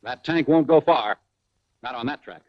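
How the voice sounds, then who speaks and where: An American man with a medium-pitched voice narrates a 1940s military training film at a moderate pace, reading a script in a punchy, colloquial style packed with wartime slang. The audio, from a vintage film soundtrack, sounds dull and has no room sound.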